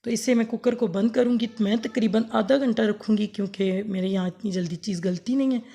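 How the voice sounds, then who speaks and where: A woman with a sore, hoarse throat giving a rambling, homely cooking demonstration for her vlog. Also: medium pitch, brisk, dark tone. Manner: homely, rambling, self-correcting explanations. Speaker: cooking vlogger. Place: home kitchen, later outdoors under a fan.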